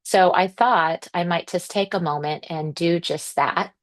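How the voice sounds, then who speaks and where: Woman, slightly low pitch, gentle and reassuring, measured parenting workshop presenter.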